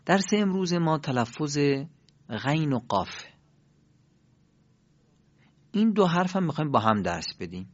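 A man teaching a pronunciation lesson, explaining in a lively, emphatic way with sudden rises in his voice. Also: fairly high pitch, pauses often, dry recording, lo-fi sound. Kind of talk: Quran recitation lesson.

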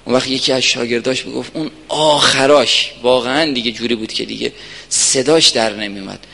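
A man giving an earnest religious lecture to a gathering, telling stories and swinging from soft asides to emphatic points. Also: medium pitch, creaky. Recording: reverberant hall.

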